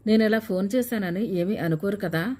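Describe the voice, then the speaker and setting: A woman's voice: medium pitch, moderate pace, a little mellow, lightly acted. A woman reading a shy young fiancé. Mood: hesitant. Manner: hesitant, then coaxing. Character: young man, shy then eager fiancé. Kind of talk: audiobook character reading.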